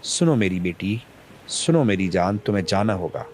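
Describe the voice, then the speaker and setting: A man's voice: medium pitch, expressive, a little hiss or hum, close to an everyday voice. A man voicing a young father soothing his daughter as he prepares to sacrifice himself. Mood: tender grief. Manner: soft, tender, breaking with tears. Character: young widowed father, tender and grieving.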